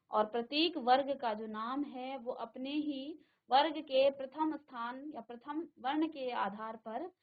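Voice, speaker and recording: A woman teaching a class, slowly sounding out syllables aloud for her pupils to repeat. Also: high voice, dull audio. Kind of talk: classroom lesson. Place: studio virtual classroom.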